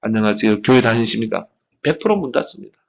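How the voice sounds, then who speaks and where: A man's voice: lowish voice, expressive, fast talker, creaky. A man preaching a sermon as a pastor, telling his story with passion, his voice rising and falling sharply.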